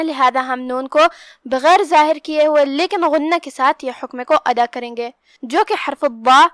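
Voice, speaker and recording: A woman with a bright, high voice leads a Quran recitation lesson. Her voice sounds dry and close, with no room around it. She draws out each verse slowly, then goes through the pronunciation rules in a calm, steady way. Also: no echo. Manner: slow measured recitation between plain explanations. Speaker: Quran teacher. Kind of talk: tajweed lesson.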